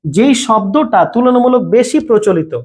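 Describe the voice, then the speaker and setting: A man's voice: extremely high pitch, animated, normal speed, a little mellow. A man teaching a live online grammar class, repeating each point and checking in with students by name.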